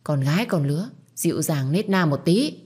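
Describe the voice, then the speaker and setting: A woman's voice: low voice, animated, moderate pace, darkish tone, breathy edge. A woman voicing a stern, commanding mistress of a household who lectures and orders servants about. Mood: lecturing. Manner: stern, bossy.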